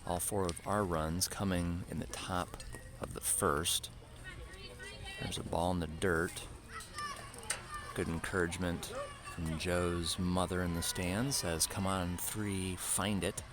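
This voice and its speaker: A man's voice: sits low, flat delivery, takes it slowly. A man doing casual play-by-play for a youth baseball game, with dry joking asides between calls. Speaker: play-by-play announcer.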